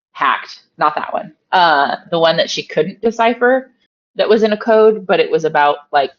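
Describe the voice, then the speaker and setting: Deep-voiced woman, hesitant player. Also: muffled recording. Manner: hesitant, stumbling. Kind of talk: tabletop game play.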